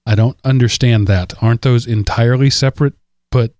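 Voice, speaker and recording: A man hosting a casual podcast, talking in a rambling, chatty way full of fillers and little laughs. His voice sits at a middling pitch and is recorded close and dry, with no room sound. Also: steady tone, fairly quick, darkish tone, dry recording. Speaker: podcast host. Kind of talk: casual chat.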